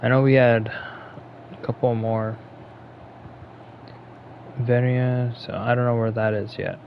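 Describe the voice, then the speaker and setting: Gamer guy talking slow while he plays, mumbly thinking out loud, dull lo-fi mic. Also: medium pitch, flat delivery, vocal fry, slight background noise. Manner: muttering, thinking aloud. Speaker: gaming streamer. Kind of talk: casual gameplay commentary.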